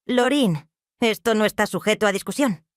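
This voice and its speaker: A narrator voicing a cold, controlling stepfather who gives curt orders in a calm tone. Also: sits high, normal speed, no room sound, clean studio sound.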